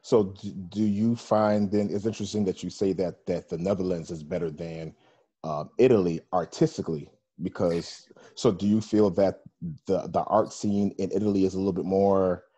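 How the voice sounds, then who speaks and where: Speaking at a normal speed in a steady tone, a man hosts a relaxed radio interview. His voice is very low, mellow, warm, and husky, and he tends to wander through fillers and restarts before settling on each question.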